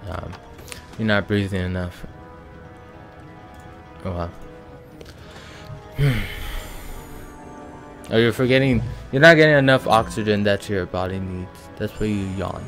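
A man's voice: lowish voice, animated, a little slow, pauses often, over music. A man giving casual let's-play commentary as a gaming channel host, thinking aloud with many ums and sighs.

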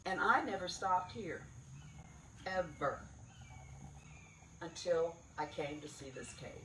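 An older woman talks informally into a stand mic at an outdoor event, a little low-pitched and rambling. She leans hard on the words that matter. The sound is roomy and picked up from a distance, with faint crickets and insects behind her. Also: takes it slowly, a bit bright, a little hiss or hum. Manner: chatty, digressive, stresses key words. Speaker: cave director giving a talk. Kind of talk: informal public talk. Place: outdoor event under a tent near woods. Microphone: stand mic at a lectern.

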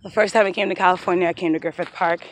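A woman's voice: fairly low pitch, steady tone, racing. A woman in her thirties vlogging on a phone held at arm's length while walking uphill on an outdoor park trail, reflective and devout, close to tears and a little out of breath. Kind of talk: casual walking vlog.

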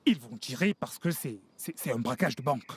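An actor playing a domineering, indignant street gang boss in a dubbed film drama, scolding emphatically. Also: male voice, mid-range voice, expressive, a little fast, breathy edge. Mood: indignant ranting. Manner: scolding, emphatic, repeats himself.

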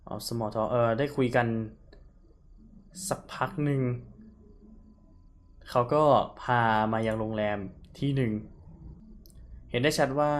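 A male streamer talks his way through a horror game in a relaxed, rambling voice. He paraphrases the characters' dialogue aloud and fills the gaps with little fillers. Faint insect and cricket sounds hum behind him. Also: mid-range voice. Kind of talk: casual live-stream chat.

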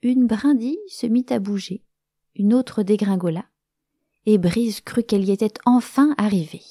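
A woman storyteller narrating a children's story in a gentle, expressive way, sometimes dropping to a whisper. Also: medium pitch, normal speed, no echo, clean studio sound.

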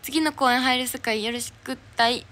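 High-voiced young woman with a Kansai accent. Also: steady tone, moderate pace, bright, forceful tone. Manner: cheerful, chatty, thanks viewers for gifts. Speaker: idol livestreamer. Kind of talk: casual livestream chat reading viewer comments. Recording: noisy livestream audio.

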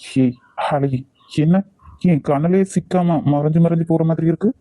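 A man's voice: on the high side, steady tone, normal speed, dark tone, dry recording, lightly acted. A man voicing a cocky male college senior with a Kanyakumari Tamil accent, teasing and domineering.

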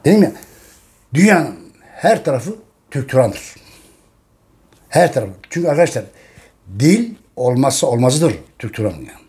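A man's voice: medium pitch, very animated, moderate pace, pauses often, darkish tone. A Turkish man giving a casual, repetitive monologue on history to his viewers, often calling them friends. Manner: repetitive, addresses listeners as friends, emphatic. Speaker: history channel host.

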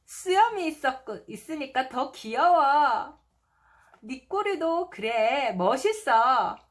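A kind young schoolchild in a picture book, put on by a woman reading to toddlers. The voice is high and drawn out, sweetly admiring and reassuring. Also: sing-song, slow, heavily acted. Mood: delighted.

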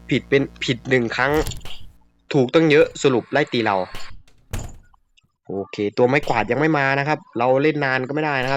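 A man giving casual, excitable commentary while he plays a video game, with frequent yelps. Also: medium pitch, muffled recording, a little hiss or hum. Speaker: gamer.

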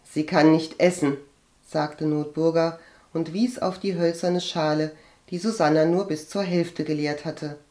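A woman narrator reads a novel aloud, unhurried and deliberate, with a somewhat low voice. Her storytelling stays measured and even throughout. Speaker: audiobook reader. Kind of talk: scripted narration.

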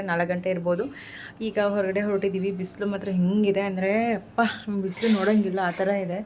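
A woman's voice: fairly low pitch, slight background noise. Chatty woman vlogger talking to viewers. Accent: Kannada. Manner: chatty, addresses viewers as friends. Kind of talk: casual vlog chat. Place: home and outdoors on the way to the market.

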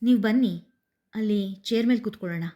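A woman's voice: mid-range voice, a little fast, dark tone, close to an everyday voice. A woman voicing a caring, coaxing young woman. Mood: pleading.

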